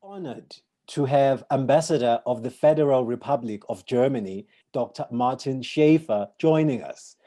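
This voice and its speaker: A man with a very dark, warm, mellow tone hosts a memorial event. He thanks speakers and introduces guests in a formal, courteous manner at a moderate pitch. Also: moderate pace, hardly any pauses. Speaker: host.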